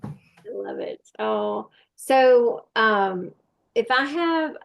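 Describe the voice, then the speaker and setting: Host, woman: gravelly edge, thoughtful, searches for her words, faith talk. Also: on the high side, lively intonation, drawn-out words. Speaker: podcast host. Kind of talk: faith-based conversation.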